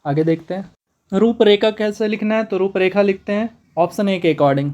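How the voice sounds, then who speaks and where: A man teaching a spoken exam-prep lesson, brisk and repetitive, calling his students brother. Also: high voice, a little mellow, dull audio.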